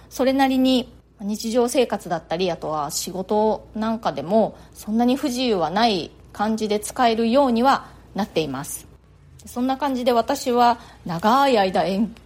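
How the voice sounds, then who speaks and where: A woman's voice: on the high side, a little mellow, slightly rough. A middle-aged Japanese woman hosting a podcast in a chatty, casual monologue full of fillers. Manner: chatty, frequent filler words. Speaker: podcast host.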